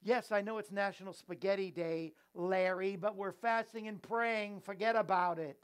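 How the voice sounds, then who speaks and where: A man's voice: high-pitched, steady tone, moderate pace, smooth. A man hosting a show in an easygoing, playful way, chatting and joking with his crew and viewers. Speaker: host. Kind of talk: casual chat.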